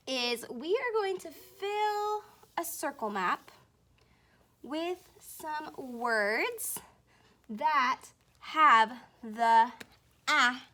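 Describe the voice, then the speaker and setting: A woman teaching a children's phonics lesson, speaking slowly and encouragingly and asking young learners questions directly. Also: high voice, fairly bright tone.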